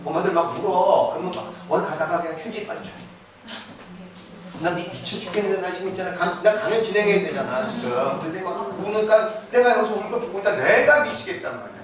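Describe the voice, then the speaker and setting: Man, slightly high voice, lecturing a live audience in a big echoey hall, mic set far back with a noisy room behind him; quick questions he answers himself. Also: crowd noise. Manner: shifts between casual speech and polite address. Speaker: parenting lecturer.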